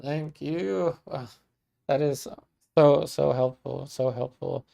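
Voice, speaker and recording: This Maryland painter in his thirties speaks slowly in a gravelly, somewhat high voice as he hosts a laid-back livestream. Reading out viewer comments, he keeps things chatty, stumbles through plenty of ums and false starts, and offers viewers heartfelt thanks.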